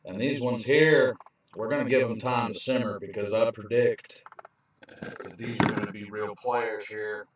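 This storm chaser has a lowish, fairly even male voice and speaks a little slowly as he informally explains weather radar. The distant handheld camera mic makes the sound roomy and dull, with a little hiss or hum.

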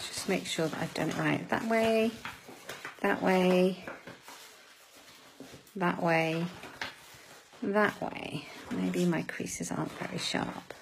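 A woman's voice: fairly low pitch, slow pace, vocal fry, long pauses, slight background noise, low-quality recording. A woman giving a live craft demonstration, chatting with viewers as she works and laughing at her own fumbles. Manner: chatty, greets viewers by name.

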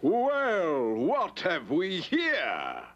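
A man's voice: high-pitched, huge pitch swings, very slow, a bit bright, highs cut off, heavily acted. A man voicing an arrogant nobleman villain in a cartoon, sneering and mocking with cackling laughs. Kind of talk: 1960s cartoon voice acting.

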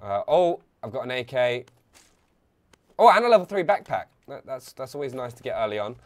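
A young man commentates a live game stream over a headset, chatting, reading viewer messages aloud and getting excited in bursts. He speaks at a medium pitch and a little fast.

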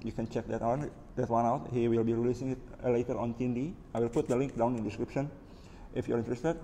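Working at a wooden table, a maker presents his DIY electronics build in a loose, unscripted way, showing only his hands. He talks quickly in a warm, steady, medium-pitched voice with an Indonesian accent, while the echoing room carries background noise.

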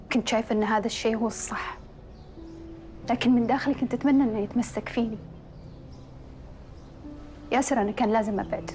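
A woman's voice: on the high side, a little mellow, a little hiss or hum, close to an everyday voice. A woman playing a hurt, heartbroken young woman. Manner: hurt, resigned. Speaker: cafe worker. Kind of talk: TV drama acting.

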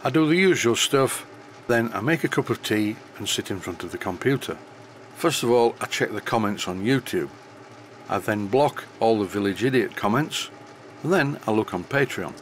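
An older man with a softened northern English accent, narrating an unscripted workshop tutorial voice-over in a relaxed way with a slight stutter, into a high-end studio microphone. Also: moderate pace, a little hiss or hum. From northern England. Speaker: model engineering tutor.

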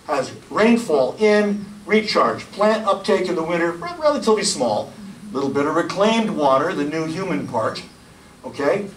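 Loud energetic man lecturing in an echoey room. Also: on the high side, distant mic, slight background noise. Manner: loud, energetic, gestures and points at slides. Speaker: county hydrogeologist giving a public talk. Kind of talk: public science lecture. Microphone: lapel mic, filmed from the room.

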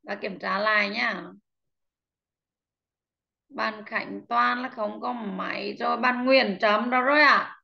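A woman teaching an online English class who patiently drills vocabulary pronunciation, repeats each word slowly and calls on students by name, heard over slightly muffled call audio. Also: a little high, fairly even intonation, creaky, sharp tone. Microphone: video call.

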